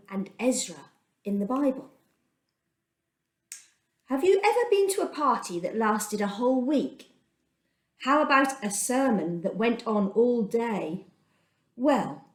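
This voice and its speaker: Reading a Bible story for children, a storyteller with a mid-range voice phrases things deliberately and dramatically, leaning on emphasis. The recording has an echoey room sound.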